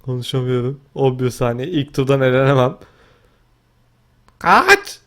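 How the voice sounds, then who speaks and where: A young man casually commentating his own Minecraft gameplay, talking to himself and yelping and shouting as the action heats up. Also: mid-range voice, normal speed. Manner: excitable, talks to himself, yelps and shouts mid-game. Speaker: gaming video host.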